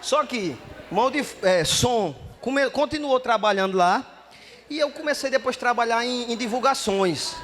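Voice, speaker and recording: A man telling a story in stand-up comedy, lively and acting out the dialogue. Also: very high-pitched, moderate pace.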